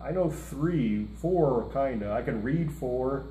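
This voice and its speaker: A middle-aged co-host of a music reaction show talks slowly and casually, wandering off with jokes as he goes. His medium-pitched voice is mellow with lively intonation. He's seated at a table before a lit curtain in an indoor room, with roomy audio and faint hiss.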